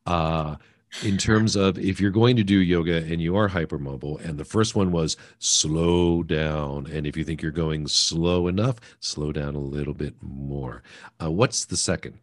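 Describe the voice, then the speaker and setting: A man hosting a podcast interview, talking in a relaxed conversational way with self-deprecating asides. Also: rumbling low, unhurried. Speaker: podcast host.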